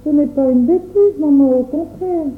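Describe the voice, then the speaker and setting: A woman's voice: sits high, moderate pace, faint music behind, lightly acted. A woman voicing a timid, tender-hearted little girl who talks in a pleading, hesitant way. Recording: tinny phone-like sound, roomy echo.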